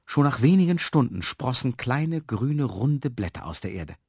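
Lively, husky-voiced male storyteller. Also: mid-range voice, no echo, clean studio sound. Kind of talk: children's story reading.

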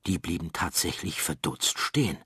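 A man narrating a children's story in a calm, expressive way. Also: low-pitched, moderate pace, breathy edge, no room sound, studio quality.

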